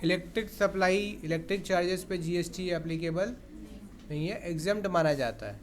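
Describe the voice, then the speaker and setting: A man's voice: high-pitched, brisk, a little hiss or hum. A man teaching an accounts class in Hindi, often questioning and coaxing his students, with terms. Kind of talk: classroom lecture.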